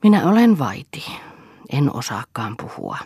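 A woman reading the lines of a patient, submissive wife who answers calmly and meekly. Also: rumbling low, husky, no room sound, studio quality, heavily acted. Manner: calm, meek.

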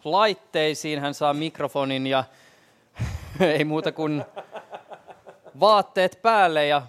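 A man's voice: on the high side, a bit bright, clean tone. A man co-hosting live radio from the studio, cheerful and encouraging.

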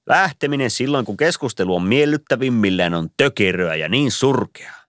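A man's voice: medium pitch, expressive, fairly bright tone, dry recording, studio quality, pitched above the performer's own voice, close to an everyday voice. A man voicing a long-winded, pompous old male Santa Claus in an audiobook reading, rambling on like a lecturer. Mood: lecturing.

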